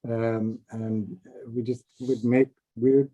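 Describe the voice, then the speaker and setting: A middle-aged man from Seattle, a film composer, telling his story in a relaxed, rambling way over a video call. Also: mid-range voice, slow pace. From Seattle, USA. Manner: relaxed, rambling with many fillers. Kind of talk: casual video-call chat. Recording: dull lo-fi call audio.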